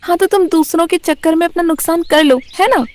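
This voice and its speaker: A woman voicing a sharp-tongued, scolding farmer's wife in a cartoon story. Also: brisk. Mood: sarcastic. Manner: scolding, shrill.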